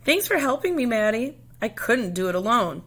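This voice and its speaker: Lady doing a storybook schoolgirl, pitched up, eager n earnest, exclaims a lot, gets frustrated easy. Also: moderate pace, slightly rough, exaggerated voice. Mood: elated. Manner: emphatic, exclaiming, expressive. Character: earnest, eager young schoolgirl, determined but easily frustrated.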